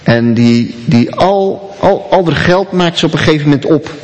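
A man's voice: a little high, expressive, moderate pace, a little mellow, long reverb tail. A man preaching a sermon, telling a story and talking directly to his listeners.

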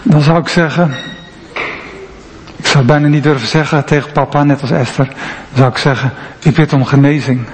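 Pastor preaching in a reverberant church. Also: male voice, a little high, steady tone, a little fast, pauses often. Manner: earnest, reflective, drops to near-whisper at times. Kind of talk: sermon. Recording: long church reverb, faint ambient noise.

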